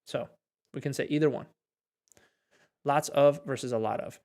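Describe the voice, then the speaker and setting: A man's voice: medium pitch, fairly even intonation, measured pace, darkish tone. A man teaching a live online English class, encouraging and explaining step by step as he switches between two languages mid-sentence.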